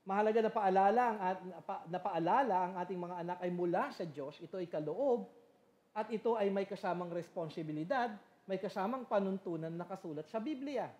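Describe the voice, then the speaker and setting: A woman's voice: medium pitch, a little fast, mellow. Middle-aged woman teaching in an echoey hall. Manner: mixes Tagalog and English, earnest, reads scripture aloud. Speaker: seminar speaker at a church parenting seminar. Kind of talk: teaching sermon. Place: church meeting room.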